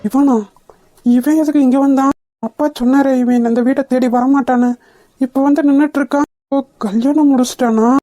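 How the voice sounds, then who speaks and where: A woman's voice: sits high, fairly even intonation, a little fast, warm tone, dry recording, close to an everyday voice. A woman voicing a sneering, leering spoiled young man in a cartoon. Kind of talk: cartoon dubbing.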